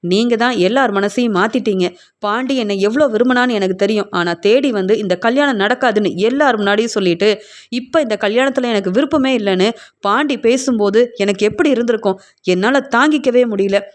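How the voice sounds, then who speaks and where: Woman reading an accusing young woman, slightly high voice, argumentative. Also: brisk, lightly acted. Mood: indignant. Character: angry young woman demanding her place in the family.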